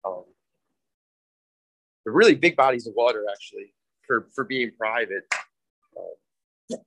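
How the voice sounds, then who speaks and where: A man's voice: mid-range voice, animated, gravelly, fairly bright tone. A man with a mid-range voice talks as a podcast guest, easygoing and jokey, often restarting his sentences. His voice sounds dry and close, with no echo. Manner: easygoing storyteller, joking, halting restarts. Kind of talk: casual podcast chat.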